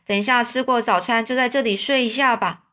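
A woman's voice: on the high side, fairly even intonation, brisk, sharp tone. A woman voicing a kindly, talkative old man in a storybook reading. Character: kind old man, warm father.

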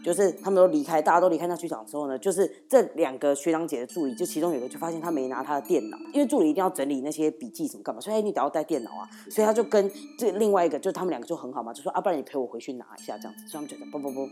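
A young woman tells a spooky tale in rapid, breathless bursts. Her pitch sits a little low yet swings widely as she builds tension, and she talks like a casual guest on a chat show. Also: faint music behind. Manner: animated storyteller, builds suspense. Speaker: guest, theatre director. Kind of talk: casual ghost-story telling.

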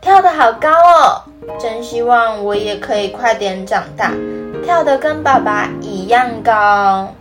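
A woman's voice: medium pitch, a little slow, music in the background, natural voice. A woman voicing an eager, loving young rabbit child with childlike, exaggerated expression, as if reading a picture book to a toddler. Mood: admiring.

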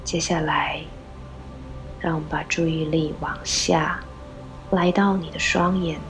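A woman leading a guided meditation, gently giving instructions in a soft, breathy voice with pauses. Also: deep voice, steady tone. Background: background music.

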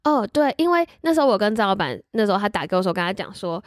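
A young woman co-hosting a casual chat podcast, a teacher telling animated stories and acting out what was said. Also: mid-range voice, very fast, no room sound, studio quality. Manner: animated storytelling, acts out quotes.

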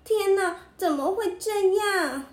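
A woman voicing a frightened young princess in a children's story, high and fretful. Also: unhurried, echoey room.

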